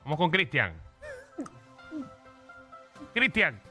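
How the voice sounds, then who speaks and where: Brief: bright, animated Puerto Rican male radio host, playful and teasing. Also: a little high, soft background music. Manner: teasing, playful, quick to joke. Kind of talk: casual radio banter.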